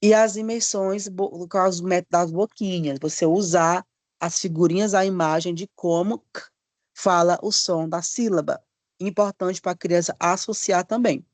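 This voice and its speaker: A man teaching a live online literacy course, warmly stretching out letter sounds for demonstration and often checking in with his listeners. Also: high voice, fairly even intonation, moderate pace, no room sound. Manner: frequent checking tag questions; friendly, addresses listeners as dear ones.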